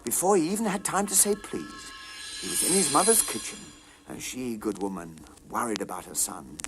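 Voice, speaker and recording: A man's voice: medium pitch, lively intonation, normal speed. A man narrating a scripted children's story dramatically as its storyteller.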